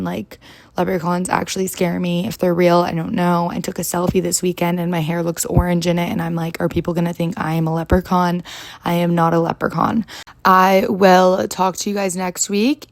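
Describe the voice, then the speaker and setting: A young woman hosting her podcast with a hoarse, gravelly rasp to her voice. She rambles in a chatty, casual way, dropping "like" constantly. The sound is close and dry. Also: lowish voice, no echo. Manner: chatty, rambling, heavy use of "like". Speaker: podcast host. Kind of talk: casual solo chat.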